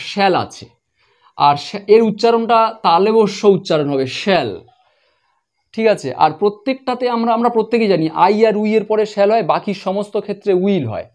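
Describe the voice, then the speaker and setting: A man teaching an English grammar lesson, explaining step by step and repeating examples slowly. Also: sits high, darkish tone. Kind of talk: spoken grammar lesson at a board.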